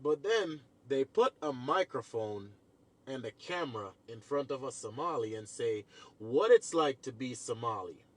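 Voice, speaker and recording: A man giving crude, sarcastic commentary that builds into loud outrage. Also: mid-range voice, lively intonation, normal speed. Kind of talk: ranting commentary.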